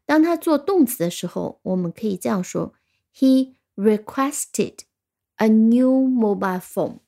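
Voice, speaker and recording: A woman's voice: on the high side, sing-song, a little slow, creaky, dark tone. A woman teaching vocabulary in a recorded lesson, patiently spelling words out letter by letter. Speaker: English teacher.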